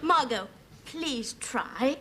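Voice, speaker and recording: An actress playing a bubbly, playful young wife, quick to panic, in 1970s sitcom style. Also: female voice, high voice, lively intonation, full character voice. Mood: anxious. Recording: background noise.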